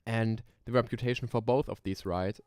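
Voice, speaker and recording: Over faint music and keyboard typing, a young German man with a German accent chats casually on a live stream while building roller coasters, musing aloud with frequent ums and small laughs. His mid-range voice is smooth and darkish, with a steady tone and normal speed. There's no room sound at all.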